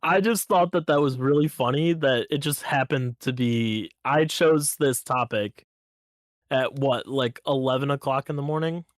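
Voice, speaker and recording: A man co-hosting a podcast in casual chat, telling stories in an easygoing, teasing way with halting restarts. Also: mid-range voice, no echo, clean studio sound. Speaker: podcast co-host.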